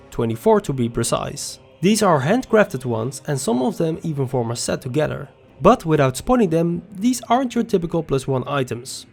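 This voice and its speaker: Hoarse man with a gravelly voice. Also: fairly high pitch, a little mellow. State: hoarse from a cold. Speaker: gaming news video host. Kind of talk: scripted update commentary.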